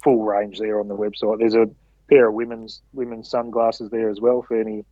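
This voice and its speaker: A man's voice: lowish voice, flat delivery, moderate pace, dark tone, no room sound. A man chatting casually as a podcast guest, laid-back and colloquial with brief answers. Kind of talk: casual interview chat. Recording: slightly dull, dry radio-like audio.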